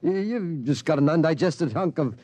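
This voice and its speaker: A man's voice: a little high, lively intonation, moderate pace, mellow, dry recording. Bewildered father with swooping intonation. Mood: disbelieving. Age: middle-aged. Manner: hesitant, incredulous, stammering. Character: bewildered, anxious middle-aged father of a teenage boy. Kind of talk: 1950s radio drama acting. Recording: vintage radio broadcast.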